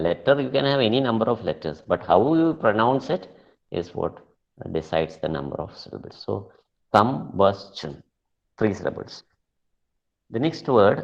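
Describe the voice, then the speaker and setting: A man teaching an online class, speaking deliberately and repeating words slowly to model pronunciation, and switching into Malayalam to explain. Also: fairly low pitch, creaky, darkish tone, dull audio. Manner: switches between English and Malayalam. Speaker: English teacher.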